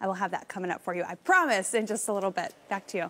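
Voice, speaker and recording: A woman's voice: medium pitch, expressive, very fast, fairly bright tone. An American woman giving a casual live television weather update. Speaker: TV weather forecaster.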